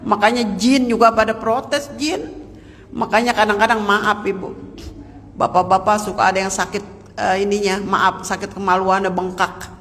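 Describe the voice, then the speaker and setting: A man's voice: high voice, steady tone, moderate pace, a bit bright, a little hiss or hum. A man giving a folksy sermon to a women's study group in a mosque, speaking directly to his listeners. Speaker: preacher. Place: large mosque hall. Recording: long reverb of a mosque hall.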